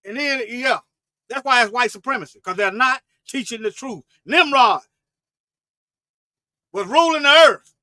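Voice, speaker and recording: A man preaching fervently in a livestream, repeating himself and restarting phrases, swinging between loud emphatic bursts and low asides. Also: animated, measured pace, long pauses, no echo, clean studio sound. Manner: fervent, repetitive, with frequent restarts. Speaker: online Bible teacher.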